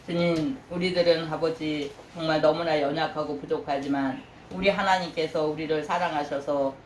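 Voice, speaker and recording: A woman pastor preaching a sermon, animated, often asking the congregation questions and acting out God's praise in a high voice. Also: normal speed, slight background noise. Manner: asks the congregation questions, prompting with "예?". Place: church sanctuary. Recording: echoey church room, voice from a distant mic.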